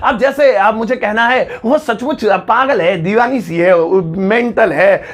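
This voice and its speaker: A man from India with a fairly high voice gives a casual video lesson. He jokes and teases as he goes, slowing right down to drawl out each example word. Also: fairly bright tone. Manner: playful, jokey, stretches out example words slowly. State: voice tiring, sips tea to keep it going. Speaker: English teacher.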